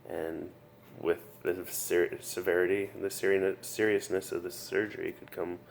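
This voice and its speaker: A weary, subdued man freshly out of surgery, earnestly giving advice in a casual video diary, halting and repeating himself, recorded in a hospital room. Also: low voice, little pitch movement, gravelly. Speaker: patient sharing his recovery story. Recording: noticeable background room noise.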